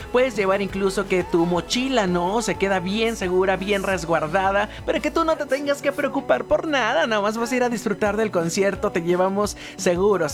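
A man hosting a morning radio show with a Mexican Spanish accent, chatty and promotional. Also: high voice. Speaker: radio host. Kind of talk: upbeat radio presenting.

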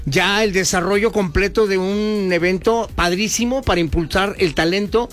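A man with a Mexican accent hosting a casual radio interview, chatty and relaxed. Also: sits high, moderate pace, soft background music. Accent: Mexican Spanish. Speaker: radio host.

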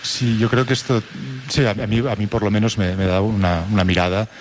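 Man on a talk panel, measured, lowish voice, faint hum. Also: steady tone. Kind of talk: conversational discussion.

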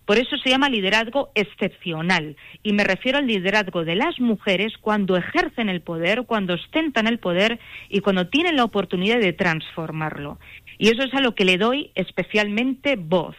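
A middle-aged woman from Spain, an author speaking as a guest in a radio phone interview, measured and earnest with some hesitations. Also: mid-range voice, animated, a bit bright, no echo.

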